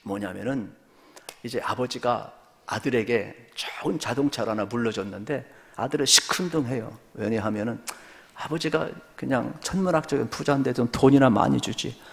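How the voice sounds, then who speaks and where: A man's voice: mid-range voice, moderate pace, gravelly. Male pastor preaching in a reverberant church. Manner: swings from loud rising exhortation to soft storytelling; addresses the congregation often, asks rhetorical questions. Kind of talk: sermon. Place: church sanctuary. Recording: long church hall reverb.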